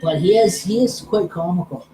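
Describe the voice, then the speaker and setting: Rambling man with a higher voice. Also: normal speed, mellow, soft background music, poor audio. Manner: hesitant, many fillers and restarts. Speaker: live stream host. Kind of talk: casual rambling chat.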